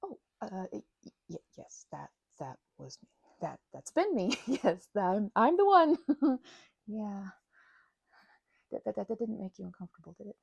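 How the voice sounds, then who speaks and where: A woman with a medium-pitched voice and big pitch swings performs a flustered, timid vampire who is gentle, shy, friendly, and grateful, in a heavily acted audio roleplay. Her soft, breathy voice sometimes sinks to a whisper as she stammers, hesitates, apologizes, and giggles nervously at normal speed. The intimate one-sided conversation is recorded dry and sounds dull.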